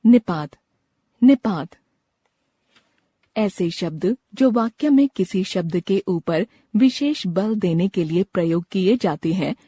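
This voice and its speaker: A woman's voice: lowish voice, dark tone, slightly rough, dry recording. A woman reading a grammar lesson aloud, going through word lists one item at a time. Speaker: grammar reader.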